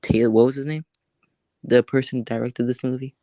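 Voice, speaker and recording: A man hosting a casual livestream chat, rambling and halting with many fillers and restarts. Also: medium pitch, steady tone, warm tone, no echo. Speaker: livestream host.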